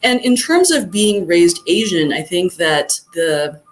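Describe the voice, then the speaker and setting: Thoughtful, rambling middle-aged guest. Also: female voice, lowish voice, big pitch swings, takes it slowly. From Southern California. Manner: rambling, thoughtful, many fillers. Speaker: guest chiropractor. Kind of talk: casual interview conversation.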